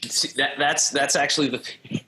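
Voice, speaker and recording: A man's voice: on the high side, fairly even intonation, normal speed, sharp tone, roomy sound, a little hiss or hum. A man demonstrating guitar pedals in an easygoing way, hesitant and full of fillers, on a video call. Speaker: guitar teacher.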